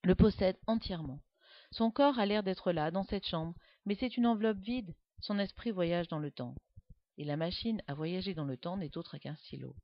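A woman reading a storybook aloud with expressive, animated narration, in a dull, dry recording. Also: fairly low pitch, moderate pace, dry recording. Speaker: reader.

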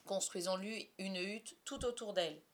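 A woman's voice: mid-range voice, moderate pace, natural voice. A woman reading a storybook aloud, voicing a proud, commanding young boy leader who barks orders.

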